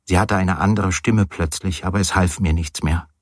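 A man reading a first-person novel aloud, with wry, hesitant storytelling and quietly voiced dialogue. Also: deep voice, moderate pace, no echo, studio quality. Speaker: audiobook reader. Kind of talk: literary audiobook narration.

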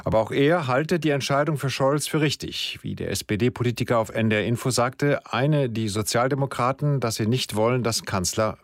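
A man reading the radio news in a measured, formal way. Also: medium pitch, dry recording, clean studio sound. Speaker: newsreader.

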